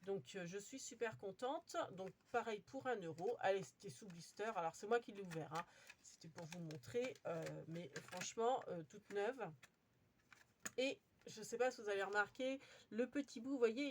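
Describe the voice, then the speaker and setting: A woman's voice: mid-range voice, normal speed, slight background noise. A woman chatting casually as she shows off her craft haul, talking with lots of fillers and restarts. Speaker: crafting vlogger. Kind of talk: casual show-and-tell haul.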